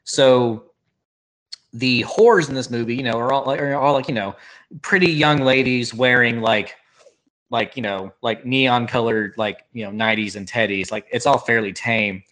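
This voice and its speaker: A man's voice: medium pitch, a bit bright, low-quality recording. A man in casual podcast talk about a movie, rambling with many filler words. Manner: rambling, heavy filler words, quick mimicry of film lines. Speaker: podcast host reviewing a film. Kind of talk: casual chat.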